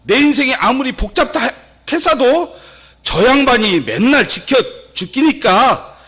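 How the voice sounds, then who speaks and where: A man putting on a folksy Gyeongsang dialect voice to recite a psalm, loud and emphatic. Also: very high voice, sing-song, measured pace, husky, pitched above the performer's own voice, exaggerated voice. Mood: playful.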